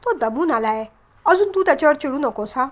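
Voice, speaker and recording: A mild older man who talks others down, read by a woman narrator in a family story. He reasons calmly and evenly. The voice stays high. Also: brisk. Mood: calming.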